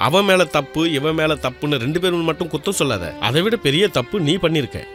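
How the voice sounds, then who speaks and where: An actor playing a calm village elder who explains a moral point in a steady, reasoning voice, in a film. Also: male voice, on the high side, quick pace. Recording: film soundtrack with music.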